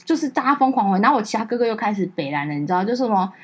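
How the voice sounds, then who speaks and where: A woman's voice: mid-range voice, very fast, husky. A young woman co-hosting a podcast, chatting casually and acting out her relatives' lines as she tells a story. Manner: animated storyteller, acts out relatives' lines in raised voices. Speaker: podcast co-host. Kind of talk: casual chat.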